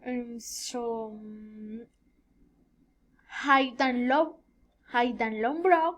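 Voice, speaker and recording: A Colombian-accented female student in her 20s, a native Spanish speaker, gives a rehearsed self-introduction as an oral presentation for a language class. Her high voice moves extremely slowly, halting as she searches for words.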